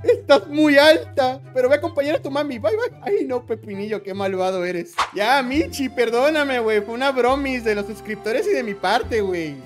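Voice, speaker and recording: A woman with a Mexican accent giving excitable, joking gameplay commentary, dropping slang constantly. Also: fairly high pitch, fairly quick, hardly any pauses, faint music behind. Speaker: gaming YouTuber.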